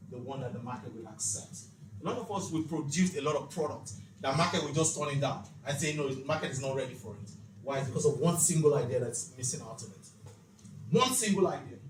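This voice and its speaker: A man with a fairly high voice leads a faith-based motivational session on financial literacy leadership for a live group. He teaches in a preacherly, emphatic way, stressing points, asking the room rhetorical questions, and acting out bits of dialogue. The echoey room is picked up on a distant mic, with clear background noise.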